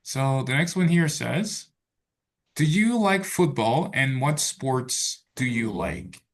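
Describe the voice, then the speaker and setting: A man runs a relaxed English lesson, leaning on fillers and loose restarts as he moves through questions. His voice has a gravelly, creaky edge at a mid pitch. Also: takes it slowly. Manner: relaxed, filler-heavy, says "so" and "okay" a lot. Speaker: English tutor. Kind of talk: online tutoring class.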